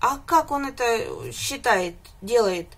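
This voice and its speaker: A woman's voice: a little high, animated, slow pace, exaggerated voice. A woman voicing a big, fat, nosy pig in a storybook, grunting and squealing as she talks. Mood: curious, cross. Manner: grunting, curious then squealing.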